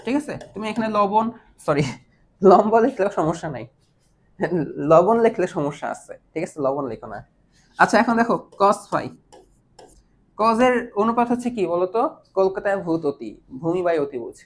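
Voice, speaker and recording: A woman's voice: medium pitch, expressive, normal speed, pauses often. A woman teaching an online math lesson, patiently asking her students whether they follow and mixing English math terms into her speech. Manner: patient, keeps checking understanding with questions.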